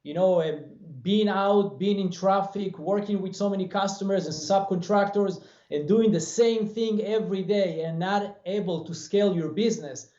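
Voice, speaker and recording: A man in his forties with an Israeli accent, a franchise business owner, answers interview questions over a webcam video call from a bare room. He speaks earnestly and motivationally, gesturing with his hands, in a mellow, high-sitting voice at a moderate pace with few pauses. The audio is roomy and dull, typical of a video call.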